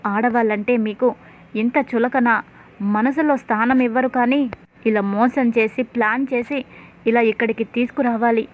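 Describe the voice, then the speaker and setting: A woman's voice: a little high, fairly even intonation, moderate pace, natural voice. A woman voicing a young wife who accuses her husband in tearful anger. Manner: crying, accusing. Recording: tinny phone-like sound.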